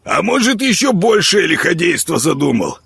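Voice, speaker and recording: A man voicing a frightened, chattering village miller who whines and gets excited. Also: high-pitched, moderate pace, vocal fry, breathy edge, no echo, pitched above the performer's own voice, exaggerated voice. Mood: urgent warning. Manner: whiny, excitable.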